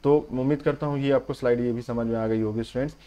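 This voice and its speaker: A man's voice: mid-range voice, steady tone, fast talker, warm tone, muffled recording. A man teaching electrician trade theory in a lecture, often checking "okay?" with the students and telling them to listen carefully. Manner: repeats "theek hai" and addresses "students" constantly; explains step by step, urges listeners to pay attention. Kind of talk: Hindi classroom-style lecture.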